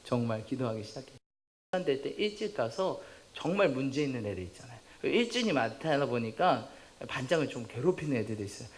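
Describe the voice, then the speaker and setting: A male pastor preaching a sermon in a church sanctuary. He tells a personal testimony in a lively, humorous way, acts out the dialogue and laughs at his own stories. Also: medium pitch, a little fast.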